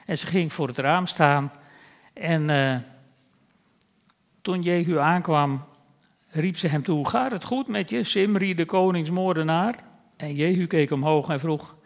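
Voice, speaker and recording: A man's voice: on the high side, big-room sound. A male preacher giving a sermon in a conversational way, with wry asides.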